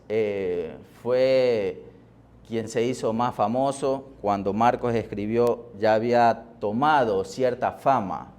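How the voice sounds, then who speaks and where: A man preaching a sermon as pastor, deliberate, with pauses and fillers, rising in force on key words. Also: medium pitch, a little mellow. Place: church.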